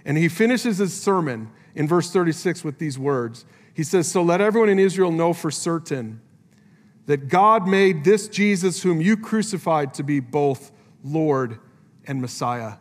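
A man preaching a sermon as pastor, earnest, climbing high for emphasis and dropping low and soft. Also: expressive, unhurried. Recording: live church sermon with long hall reverb and faint music.

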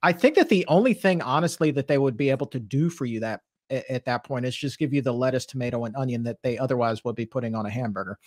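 A man's voice: medium pitch, fast talker, hardly any pauses, darkish tone, no echo. Playful male podcast host, dry sound. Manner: joking, playful, rambling. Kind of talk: podcast interview. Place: studio with a podcast backdrop. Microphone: studio microphone on an arm.

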